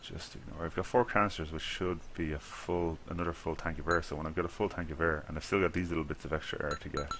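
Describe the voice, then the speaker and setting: A gaming video creator from Ireland talks to himself fast, with few pauses, while playing, rambling and chuckling at his mistakes in casual commentary. His very deep voice holds a steady tone over a noisy background.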